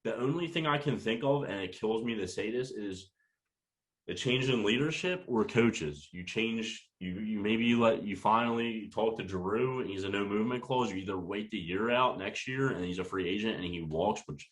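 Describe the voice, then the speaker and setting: A man's voice: on the low side, low-quality recording. A young man co-hosting a sports podcast, ranting heatedly and cursing a lot as he runs down his team. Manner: heated, profane, rapid-fire ranting. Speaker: podcast co-host.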